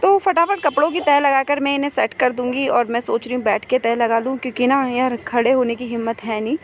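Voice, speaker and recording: A woman's voice: high-pitched, brisk, highs cut off. Chatty young woman vlogging at home. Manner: chatty, talks softly while child sleeps. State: unwell, pregnant. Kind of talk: casual home vlog narration. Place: home, kitchen and bedroom. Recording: noisy home recording.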